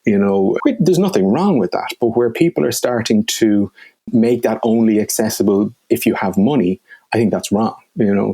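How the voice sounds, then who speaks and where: A man's voice: fairly low pitch, warm tone, husky, no room sound. An Irish man in his forties, a podcast guest speaking thoughtfully in a conversational interview, with frequent fillers and restarts. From Ireland. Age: 40s.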